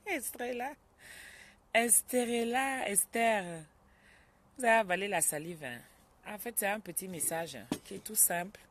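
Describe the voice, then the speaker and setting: Speaking at a moderate pace with frequent pauses, a woman with a lowish voice runs a casual live stream at home. She greets viewers by name and interrupts herself to settle a child.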